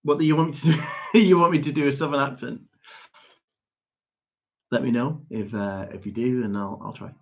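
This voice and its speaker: A young man hosting a pub quiz, reading each question slowly, repeating and spelling it out, chuckling and correcting himself as he goes. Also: medium pitch, steady tone. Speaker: quiz host. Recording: dull lo-fi stream audio.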